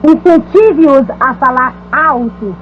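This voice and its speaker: A woman preacher teaching a congregation in a dubbed talk, lively and animated, sometimes chanting repeated words to demonstrate. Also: sits high, slow, faint music behind. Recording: dull lo-fi recording with faint hum.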